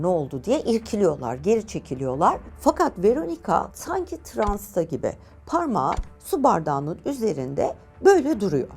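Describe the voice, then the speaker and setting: A woman hosting and telling a paranormal true-crime story, with an expressive, dramatic delivery. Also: medium pitch. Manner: lively, expressive retelling with dramatic pauses. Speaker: journalist and storyteller host.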